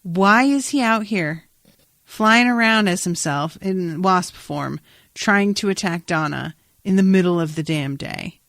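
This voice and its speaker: A fairly low-pitched but fairly bright-toned woman speaks a little slowly in a dry, studio-quality recording. She co-hosts a casual TV recap podcast, informal and slangy with offhand swearing, sarcastic, and given to incredulous exasperation.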